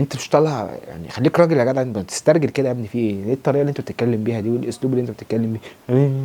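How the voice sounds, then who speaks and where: A young Egyptian man rattles off a review at breakneck speed. His voice is dark and a little husky. He sounds exasperated and sarcastic throughout. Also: medium pitch. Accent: Egyptian Arabic. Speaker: TV series reviewer. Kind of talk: fast ranting review.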